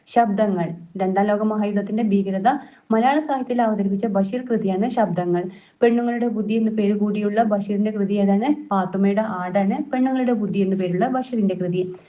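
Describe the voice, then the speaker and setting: Woman tutor running quiz drills, repeats each answer; warm tone, muffled lo-fi sound. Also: mid-range voice. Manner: repeats each answer, self-corrects with fillers. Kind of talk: reading out quiz questions and answers.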